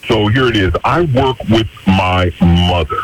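A man's voice: on the low side, unhurried. A man calling in to a radio show anonymously, his voice disguised by a voice changer, earnestly telling his story and building suspense. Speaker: caller confessing anonymously. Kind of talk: casual radio call-in chat.

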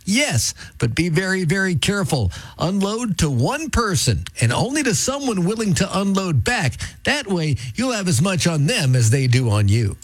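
Animated high-pitched male radio presenter. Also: normal speed, no echo, faint music behind.

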